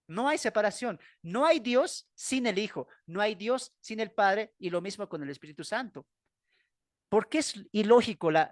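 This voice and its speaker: A man's voice: sits high, no echo, studio quality. A man with a Bolivian accent teaching a Bible class, emphatic and full of rhetorical questions. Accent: Bolivian Spanish.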